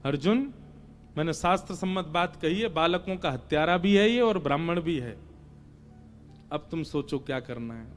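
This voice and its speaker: Animated high-voiced male scripture storyteller. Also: moderate pace, soft background music. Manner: animated, dramatic, chants verses. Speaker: devotional storyteller preacher. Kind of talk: devotional scripture storytelling sermon.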